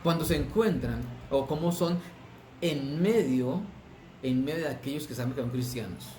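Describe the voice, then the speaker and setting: A man's voice: mid-range voice, moderate pace, mellow. A man preaching a sermon as pastor, drawing words out for stress and asking the congregation rhetorical questions. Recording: echoey room with noise.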